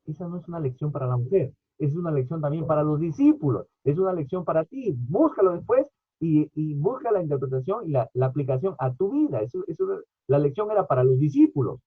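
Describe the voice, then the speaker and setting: Man, preaching a sermon, husky voice, tinny phone-like sound. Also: fairly high pitch, a little fast, few pauses, no room sound. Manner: animated preaching, swinging from loud emphatic bursts to quiet asides.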